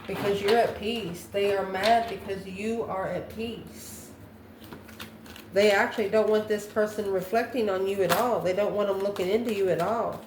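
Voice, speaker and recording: In a steady, medium-pitched voice at a moderate pace, a woman works through an improvised tarot reading. She wonders aloud, asking questions and supplying the answers herself, while the audio carries a roomy echo and slight background noise.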